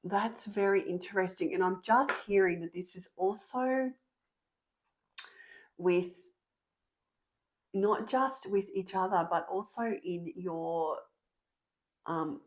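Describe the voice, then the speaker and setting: A woman giving a tarot reading to an online audience. She talks earnestly and excitably, with frequent ums and restarts. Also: medium pitch, slow pace, pauses often. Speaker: tarot reader.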